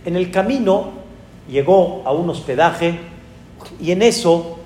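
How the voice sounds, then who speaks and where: High-voiced Mexican rabbi, unhurried sermon. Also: male voice, roomy sound, long reverb tail, a little hiss or hum. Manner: animated, dramatic exclamations. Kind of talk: sermon storytelling.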